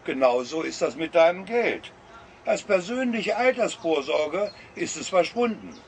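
Slow, ironic northern German man. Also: fairly high pitch, sing-song, a little hiss or hum. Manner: dry, ironic lecturing. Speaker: columnist reading his own text. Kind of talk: satirical column read aloud.

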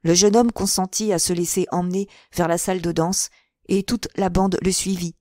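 A woman narrating a classic novel as an audiobook in a clear, measured and expressive way on a close mic. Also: fairly low pitch, dry recording.

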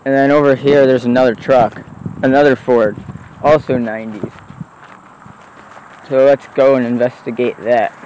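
A vlogger exploring abandoned vehicles casually rambles as he walks an overgrown lot of old trucks beside a road, filmed on a handheld phone camera. His medium-pitched, darkish voice stays steady at a moderate pace with frequent pauses. The recording is muffled, with faint road traffic in the background.

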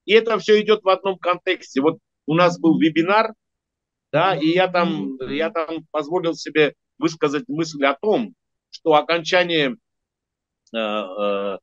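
An older man, a diplomat, giving measured political analysis in an interview, hesitating and correcting himself often. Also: a little high, a bit bright, dry recording, highs cut off. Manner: measured, lecturing, many hesitations and self-corrections. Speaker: diplomat and regular guest analyst.

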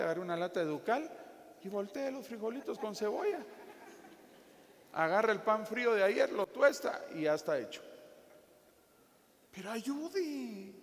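A man preaching a sermon with a Guatemalan Spanish accent, joking and acting out little scenes as he talks. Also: high voice. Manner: jokey, animated preaching with acted asides. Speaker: pastor. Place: church hall. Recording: echoey hall with faint ambience.

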